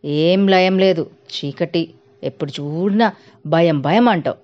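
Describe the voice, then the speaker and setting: A woman voicing a stern, exasperated mother who scolds her daughter loudly, in a storybook tale. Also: measured pace, natural voice. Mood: scolding. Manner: loud, scolding, raised pitch. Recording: dull lo-fi recording.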